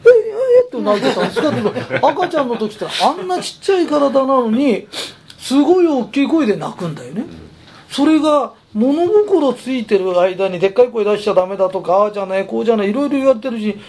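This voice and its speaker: A man's voice: very high voice, animated, fairly quick, darkish tone. A man who runs a company, giving a chatty, emphatic motivational talk. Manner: chatty, emphatic, persuasive storytelling. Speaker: company president.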